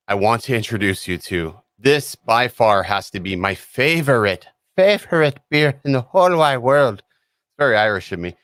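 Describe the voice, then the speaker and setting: A man hosting a casual livestream chat, talking in a playful, rambling way with sudden loud exclamations. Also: fairly low pitch, no echo, studio quality. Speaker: streamer host. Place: home stream setup in Florida.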